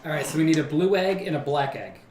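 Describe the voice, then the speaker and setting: A man's voice: fairly high pitch, lively intonation, quick pace, darkish tone. A man playing a tabletop game, chatting casually as a player. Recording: echoey room, distant mic, faint noise.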